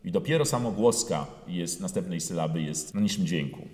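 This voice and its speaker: A man giving a singing lesson, talking through phrases slowly with many pauses and fillers, and singing parts of them out in full voice. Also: low-pitched, expressive, heavy background noise. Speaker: voice teacher. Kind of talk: singing lesson with sung demonstrations. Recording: roomy hall with long reverb.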